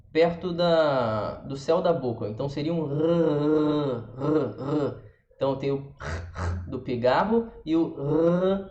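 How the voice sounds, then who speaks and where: A man with a Brazilian Portuguese accent teaching a pronunciation lesson, demonstrating sounds slowly and repeating them for the viewer. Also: fairly high pitch, a little mellow. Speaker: language teacher. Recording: roomy, dull lo-fi sound.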